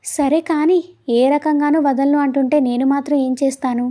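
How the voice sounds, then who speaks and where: A woman reading an audio story and voicing an irritable young man who scolds in a gruff way. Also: high voice, fairly even intonation, normal speed, warm tone, natural voice. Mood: teasing. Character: irritable young man, stern yet softening.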